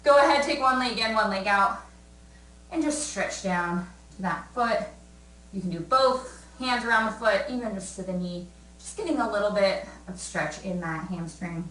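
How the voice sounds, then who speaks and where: A woman's voice: mid-range voice, moderate pace, fairly bright tone. A young woman leading a live workout class from home, encouraging and counting down, a little out of breath. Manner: upbeat encouraging coaching, counting down. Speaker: fitness instructor. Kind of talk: live fitness class cues. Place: room at home. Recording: echoey room, mic at a distance.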